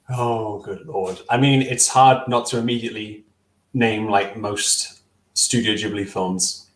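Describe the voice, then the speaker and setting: On a video call from a small room at home, a young stop-motion filmmaker answers interview questions through a headset. His low-ish voice sounds roomy, and the audio is poor. He's casual and thoughtful but hesitant, with lots of fillers and restarts.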